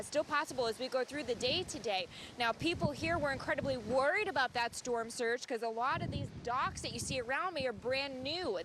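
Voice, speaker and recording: A woman meteorologist explaining a storm forecast live from outdoors. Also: fairly high pitch. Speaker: field meteorologist reporter. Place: outdoors by docks in hurricane wind. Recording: loud wind and vehicle noise outdoors.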